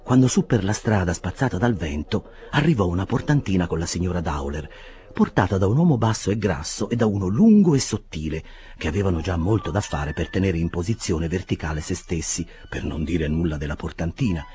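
Lively, low-voiced male audiobook reader. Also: fairly quick. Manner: expressive, dramatic reading. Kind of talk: audiobook narration.

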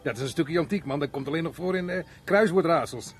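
In a Dutch radio play, a man plays a jovial, wry, middle-aged unemployed chatterbox joking with his neighbour. His husky voice is fairly high and quick. He is chatty and wry, joking and chuckling as he talks.

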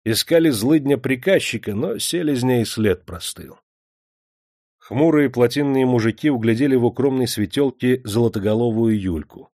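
A man reading an audiobook in a measured, dramatic storytelling manner. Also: medium pitch, mellow, no echo, clean studio sound. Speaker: audiobook narrator. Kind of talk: scripted narration.

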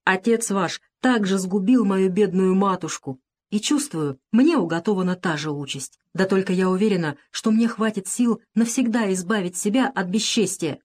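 A woman's voice: medium pitch, normal speed, darkish tone, lightly acted. Woman reading a young pleading slave girl. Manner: pleading, tremulous. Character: young enslaved woman, gentle, pleading and devout. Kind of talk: audiobook character reading.

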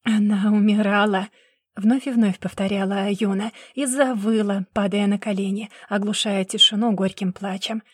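A woman narrating a story in an even, measured reading voice. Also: medium pitch, slightly rough, dry recording, clean studio sound.

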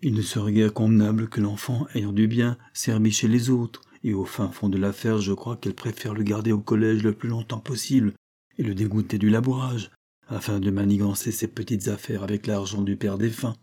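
A man's voice: lowish voice, flat delivery, a little fast, warm tone, close to an everyday voice. A man reading an audiobook, voicing a hesitant, embarrassed uncle.

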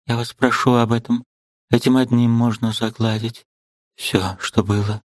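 A man reading an audiobook and voicing a sad, restrained young woman who speaks quietly, firmly and pleadingly. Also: medium pitch, level tone, unhurried, no room sound, clean studio sound, voice pushed up, lightly acted.

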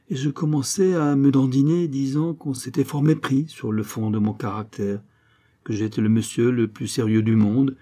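A man reading a classic story aloud in a lively, expressive narration. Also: fairly low pitch. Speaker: audiobook reader. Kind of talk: scripted literary narration.

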